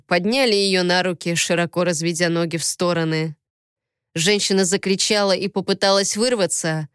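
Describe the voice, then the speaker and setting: A woman reading a story aloud as narrator, in a steady, even manner. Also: fairly low pitch, clear, resonant tone, no room sound, studio quality. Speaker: audiobook narrator. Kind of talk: scripted narration.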